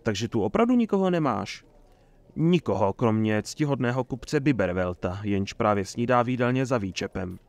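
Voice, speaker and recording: Man playing a cold storybook tavern keeper, sarcastic, even pitch. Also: dry recording, lightly acted. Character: stern middle-aged male innkeeper, cold.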